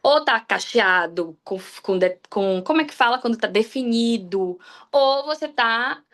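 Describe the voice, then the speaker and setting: A woman's voice: fairly high pitch, lively intonation, measured pace, fairly bright tone. Candid woman preaching. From Salvador, Bahia, Brazil. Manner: candid, personal, often trails off and restarts sentences. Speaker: guest preacher on a church livestream. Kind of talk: informal devotional talk.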